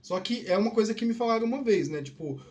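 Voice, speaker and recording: Talking alone in a relaxed, rambling way, a male podcast host from Northeast Brazil, with a Piauí family background, has a high-pitched voice and a softened Northeastern accent. He sounds animated and fast, restarting sentences often and ending them with "né?" tags to check in.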